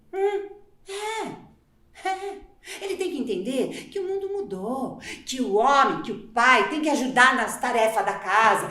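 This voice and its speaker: A fiery, overworked housewife. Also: female voice, full character voice. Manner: emotional, swings from hushed pleading to shrill outbursts. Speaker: stage actress in a monologue. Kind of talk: live stage theater acting. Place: theater stage. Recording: echoey theater stage.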